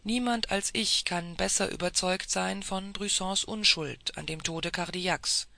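Reader doing a proud soldier count, emphatic, gravelly, bright forceful tone. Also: medium pitch, unhurried, dry recording. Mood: confiding. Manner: emphatic, raised delivery. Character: proud male officer, forceful and earnest.

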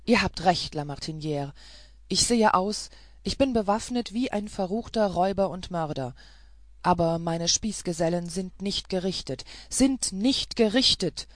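A woman voicing a desperate armed young man who shouts his urgent demands and pleas in a storybook reading. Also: lowish voice, lively intonation, measured pace, dry recording, clean studio sound.

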